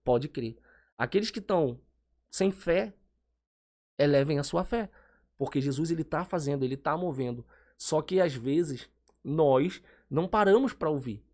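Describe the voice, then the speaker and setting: A man's voice: on the high side, expressive, unhurried, a little mellow. A man who is a church guest, telling a testimony in a fervent, emphatic way. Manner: fervent, emphatic preaching turns. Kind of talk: casual testimony chat.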